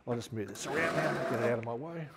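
He's an outdoor gear store presenter, a fifties-aged Australian who talks fast while working through a hands-on demo in a big indoor showroom. His mid-range voice carries some vocal fry. The recording has a long reverb tail and heavy background noise.

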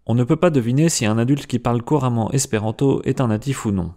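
A man narrating a scripted educational video about a language, lively, and slowing down carefully to spell out pronunciations. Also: mid-range voice.

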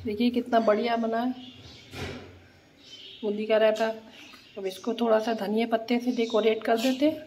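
A woman with a cold and a hoarse voice, casually explaining a home recipe step by step as a cooking vlogger. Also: fairly high pitch, level tone, normal speed, long pauses, a little mellow, a little hiss or hum. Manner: plain, homely instructional tone.

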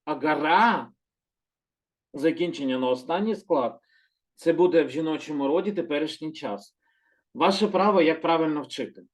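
A man teaching a calm, slow lesson, gently repeating words and patiently correcting himself. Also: a little high. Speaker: Hebrew teacher.

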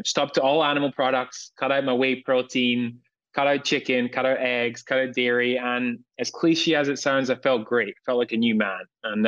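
A Scottish company founder in his early thirties appears as a guest in a video-call interview from a room at home. He speaks steadily and in a measured way, listing his points. His voice is mid-range, and the recording sounds muffled.

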